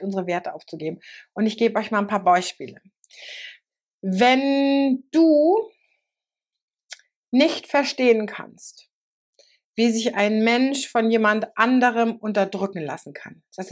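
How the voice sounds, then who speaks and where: A woman giving a lively, colloquial motivational talk as a coach, often repeating words for emphasis. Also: a little high. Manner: lively, acts out quoted voices.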